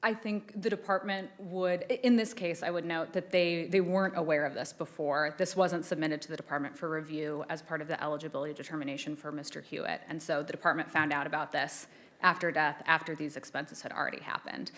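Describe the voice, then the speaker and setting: A woman with a low voice makes a formal oral argument before appeals judges. She speaks in a measured way and restarts a phrase now and then when she answers questions. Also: fairly even intonation, fairly bright tone. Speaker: assistant attorney general arguing an appeal. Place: courtroom.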